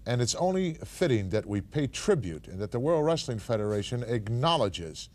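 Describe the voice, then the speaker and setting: A man's voice: medium pitch, sing-song, moderate pace, darkish tone. A man hosting a wrestling studio show, enthusiastically hyping the latest news. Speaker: studio host.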